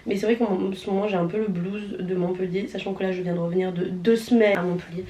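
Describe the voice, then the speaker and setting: A woman in her late twenties from southern France chats casually in a vlog shot on a handheld camera, full of fillers and self-mocking asides. She talks fast in a mid-range, dark-toned voice with fairly even intonation.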